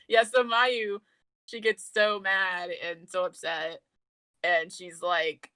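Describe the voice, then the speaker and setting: A woman's voice: medium pitch, flat delivery, very slow, sharp tone, smooth, no echo. A young woman co-hosting a casual podcast, retelling scenes and acting out the characters' lines with laughter. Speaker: podcast co-host. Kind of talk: casual anime recap chat.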